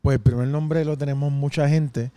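A man's voice: medium pitch, steady tone, normal speed, warm tone, smooth, no room sound. A man co-hosting a podcast, explaining in an earnest, somewhat hesitant, patient way in casual chat. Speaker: podcast co-host.

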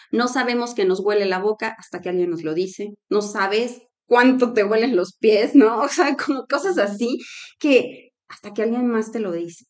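A woman co-hosting a casual faith-based talk show, telling stories and laughing often. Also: fairly high pitch. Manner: storytelling, laughs often, animated quotes. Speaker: co-host.

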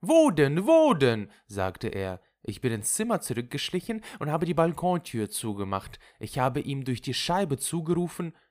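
A woman's voice: very deep voice, very animated, normal speed, few pauses, voice pushed up. A reader voicing Loulou, a flighty and impulsive young woman who chatters in a gossipy way, in an audiobook. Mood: chattering. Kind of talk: audiobook character voice.

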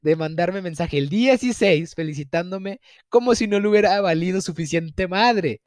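A man's voice: high voice, moderate pace, a little mellow, no echo, studio quality. A young man with a Mexican accent tells a viewer's story in a casual, profane, mock-outraged way, with frequent laughter.

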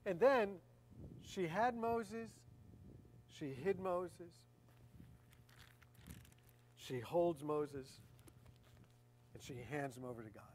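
A woman's voice: lowish voice, very slow, pauses often, a little mellow, a little hiss or hum. Woman, preacher, sermon, conversational, repeats phrases for emphasis.

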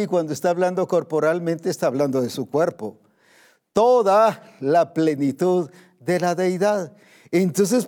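A man preaching a sermon, emphatic, moving between raised and hushed delivery and slowing down to stress scripture. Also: sits high.

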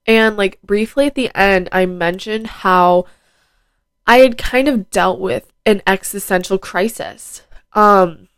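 Her nose congested from a head cold, a fifteen-year-old podcaster chats on her own at home, filler words everywhere, using a microphone plugged into her phone. The mid-range voice comes through with a clean tone and no room sound.

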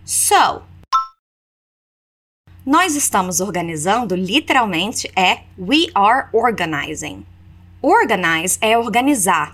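Woman as English teacher, higher voice, very animated, slow modeled phrases then quick explanations. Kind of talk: language lesson with repeat-after-me drills.

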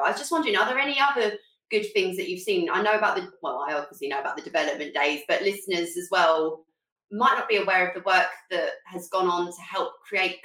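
A woman's voice: on the low side, bright, forceful tone, reverberant, rough recording. A woman hosting an interview, asking questions in an effusive, chatty way. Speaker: radio host.

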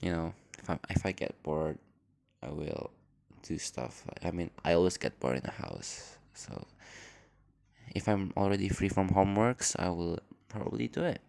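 An Indonesian podcast host introduces his show in a casual, unscripted way, recorded on a phone at home. He sounds hesitant and apologetic, rambling with lots of fillers, and his low, creaky, darkish voice moves at a moderate pace.

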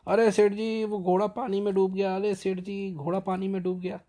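A man doing a shrill, wailing trickster servant. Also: moderate pace, close to an everyday voice. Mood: fake panic. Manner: loud, high, wailing fake alarm. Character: cunning young male servant, sly trickster.

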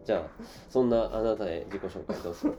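Male co-host, low nasal stuffed-up voice with sore throat, quick casual delivery. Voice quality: nasal, congested voice. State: sore throat and runny nose. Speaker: podcast co-host. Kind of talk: casual chat with scripted show introduction. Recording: music playing behind. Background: background music.

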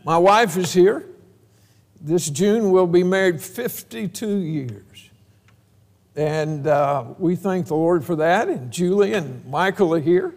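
A man's voice: high voice, animated, slow pace, a little mellow. A man, preaching a homecoming sermon as pastor and telling folksy, joking stories. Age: 70s. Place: church sanctuary. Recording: reverberant church hall.

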